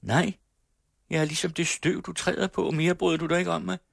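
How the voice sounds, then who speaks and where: Storybook reading: man doing a weepy young woman, high, begging, husky edge. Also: level tone, no room sound, studio quality. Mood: bitter. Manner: high imploring voice. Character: young working-class woman, pleading and tearful.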